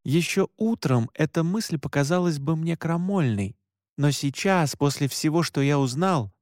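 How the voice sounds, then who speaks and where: A man's voice: a little high, animated, unhurried, darkish tone, no room sound. A man reading a first-person novel aloud in a tense, emotive voice on a close studio mic. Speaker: audiobook reader. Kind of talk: first-person audiobook narration.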